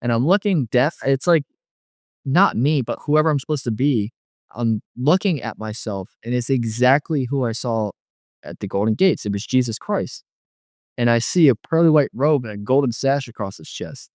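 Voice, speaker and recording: A man's voice: mid-range voice, animated, normal speed, darkish tone, dry recording. A young man casually recounting a personal testimony, rambling with lots of filler words. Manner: rambling, filler-heavy storytelling full of "like". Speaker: guest telling a near-death testimony.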